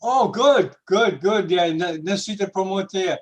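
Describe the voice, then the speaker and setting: A man hosting a video call, halting and searching for words as he switches languages. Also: high voice. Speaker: host. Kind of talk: casual video call chat.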